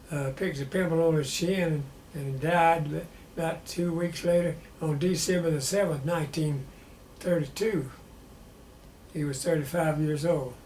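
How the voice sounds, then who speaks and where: An old war veteran in his nineties with a Southern US accent remembers his life in a plainspoken, halting way during an interview. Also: fairly high pitch, a little mellow. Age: 90s. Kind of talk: personal reminiscence in an interview. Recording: roomy echo with faint background noise.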